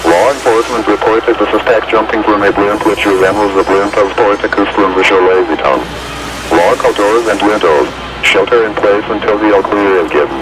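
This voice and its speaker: A man reading an automated emergency alert in a flat, formal manner, heard as a hissy AM radio broadcast. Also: lowish voice, brisk, poor audio. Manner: flat, even, formal announcement.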